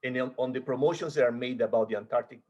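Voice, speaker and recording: A man's voice: medium pitch, darkish tone, highs cut off. A man from Chile speaking as a guest on a video-call webinar panel, often repeating words as he searches for what to say. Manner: halting, repeats words while searching for phrasing. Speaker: panel guest, expedition cruise guide.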